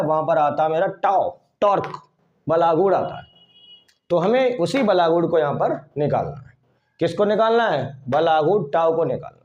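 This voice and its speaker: A man's voice: high voice, darkish tone, lo-fi sound. A man teaching physics at a board with a Hindi-speaking Indian accent, repeating key terms and asking questions back to the class. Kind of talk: whiteboard lesson.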